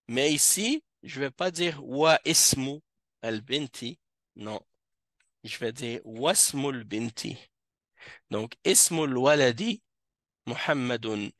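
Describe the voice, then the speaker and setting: A man teaching Arabic grammar to a class, explaining slowly with frequent hesitations. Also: medium pitch, fairly bright tone, no room sound, clean studio sound. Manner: slow, hesitant explaining with many fillers. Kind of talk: classroom lesson. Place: mosque classroom.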